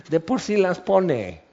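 A man's voice: sits high, darkish tone, slightly rough. A man preaching a conversational, humorous sermon and acting out everyday scenes. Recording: muffled lo-fi recording.

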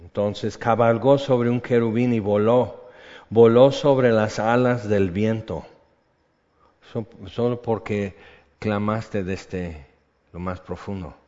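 Older pastor preaching in a hall. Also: male voice, fairly low pitch, slow pace. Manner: animated and conversational, drops to a hush for emphasis. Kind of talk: sermon. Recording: echoey hall, dull lo-fi sound.

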